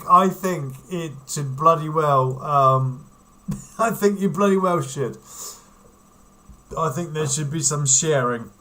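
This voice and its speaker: Giggly rambly guy on a livestream, talks slow, bright kinda sharp voice. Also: fairly high pitch. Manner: rambling, giggly, reads out viewer comments. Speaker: livestream host. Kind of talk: casual livestream chat.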